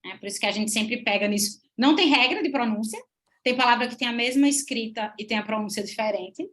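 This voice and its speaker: Lively woman teaching English. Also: fairly high pitch, quick pace. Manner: lively, checks in with the class often. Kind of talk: online English class, mixing Portuguese and English.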